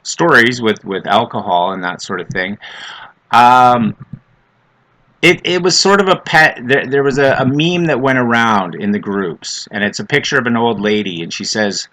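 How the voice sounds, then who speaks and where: A middle-aged man with a smoker's rasp giving an opinionated, off-the-cuff monologue, blunt and emphatic, repeating phrases to drive them home. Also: mid-range voice, normal speed, bright, forceful tone. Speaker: vlogger on adoptee issues.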